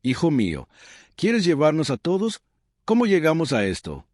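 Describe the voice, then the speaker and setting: A man voicing a grieving father, crying out anguished pleas with his voice rising high. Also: wildly swooping pitch, moderate pace, darkish tone, no room sound, clean studio sound. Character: grieving father, desperate and broken.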